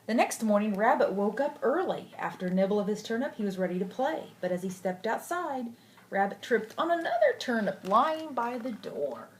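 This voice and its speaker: A sweet old lady, a grandmother, reading a picture book aloud gently and affectionately, with asides to a child. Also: fairly high pitch, animated, a little fast. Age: older. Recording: clearly noisy home recording.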